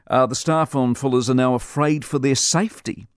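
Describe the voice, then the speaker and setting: A man delivers opinionated radio commentary in a blunt, scornful way. His voice sits at an ordinary middle pitch and sounds close and dry, with no room sound. He talks like a seasoned host laying down his view. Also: moderate pace, smooth, no echo. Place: radio studio.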